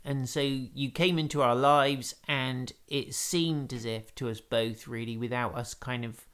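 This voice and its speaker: A man who leads a church speaks at a mid-range pitch. His manner is affirming and encouraging, and he reminisces in a relaxed conversation about faith. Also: a little slow, clean tone.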